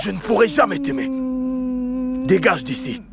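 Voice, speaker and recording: A man dubbing a cocky young man who loudly rejects his lover in a film drama. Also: very high voice, expressive, moderate pace, creaky, heavy background noise, full character voice. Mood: contemptuous. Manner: contemptuous and loud.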